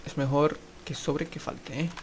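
A man giving live commentary while playing a mobile shooter, excitable and swearing, breaking into panicked shouts. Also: on the high side, measured pace, slight background noise. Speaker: mobile game streamer.

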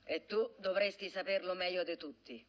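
A woman's voice: on the low side, normal speed, fairly bright tone, lightly acted. An actress playing a stern, devout elderly noblewoman with a Roman accent, lecturing her son point by point. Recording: dull old film soundtrack.

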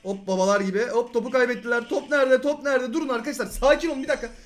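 Young male gaming host, high and quick, excitable, yells at teammates, faint game music behind. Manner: rapid, excitable, shouts at teammates, repeats words. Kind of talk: excited live gameplay commentary.

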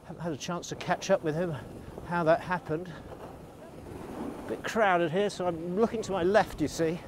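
A man's voice: high voice, fairly even intonation, normal speed, background noise. A middle-aged man, vlogging in a chatty, rambling way while out on a snowy ski slope, filming himself at arm's length. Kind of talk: casual vlog while skiing. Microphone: selfie camera at arm's length.

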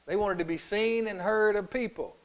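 This male pastor delivers a folksy, conversational sermon in a high-pitched voice at a moderate pace. He keeps pausing to pose rhetorical questions to the congregation, and he stumbles by repeating words and starting over. The audio quality is poor.

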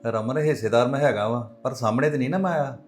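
An actor playing a middle-aged husband who gives curt orders. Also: male voice, medium pitch, quick pace, soft background music, natural voice. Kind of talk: web drama acting.

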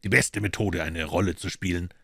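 Man reading as a calm clever detective, deep voice, dry sound, measured, audiobook. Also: vocal fry, slightly rough, no echo, heavily acted. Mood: wry.

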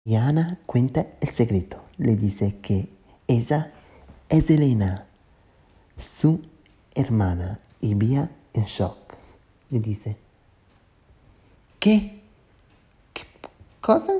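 A woman's voice: extremely low pitch, expressive, takes it slowly, pauses often, dark tone, breathy edge. A woman host narrating a chat animation story as a simple retelling. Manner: simple retelling with plain quoted lines. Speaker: channel host.

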